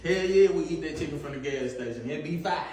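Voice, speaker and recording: Slightly high man, Mississippi accent, teasing. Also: brisk, darkish tone, roomy sound, slight background noise. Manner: teasing, boastful. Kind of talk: comedic social media clip.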